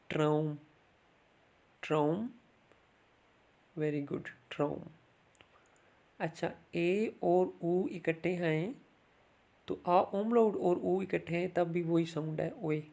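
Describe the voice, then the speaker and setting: Gravelly flat-toned teacher going thru a language lesson, says every word twice, no rush. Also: mid-range voice. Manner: slow, repeats each word twice for the learner; patient, step-by-step explanations. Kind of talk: recorded online language lesson.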